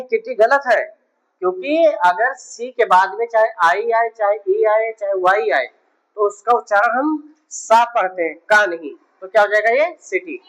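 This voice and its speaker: A woman's voice: fairly high pitch, fairly bright tone, low-quality recording. Woman teacher drilling phonics. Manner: asks questions and answers them herself, repeating. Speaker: school teacher. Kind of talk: classroom phonics lesson.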